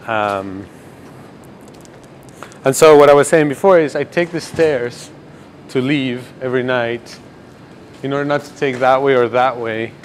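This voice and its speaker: A graduate student from Ecuador, a man in his twenties, leads a campus tour in an easygoing documentary interview. He talks unhurriedly at medium pitch with long pauses, slight background noise behind him, and plenty of fillers and false starts as he rambles.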